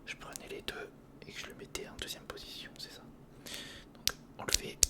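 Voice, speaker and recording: A man hosting an ASMR video whispers through a casual, improvised build-along at a fairly quick pace. His breathy, mostly voiceless voice mutters hesitantly to himself and chats with the viewer.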